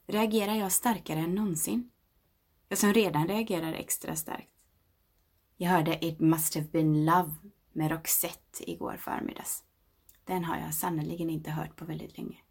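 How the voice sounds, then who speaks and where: Woman, 30s, gravelly low voice; slow intimate meditative reading with whispered passages. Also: a little mellow. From Sweden. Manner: slow, reflective and intimate, often dropping to a whisper. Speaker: narrator.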